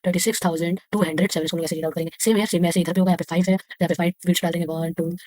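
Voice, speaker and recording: Brisk Indian woman teaching maths. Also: on the low side, steady tone, mellow. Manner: slow, deliberate reading of English textbook lines; explains each line again in Hindi. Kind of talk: casual lesson for young pupils.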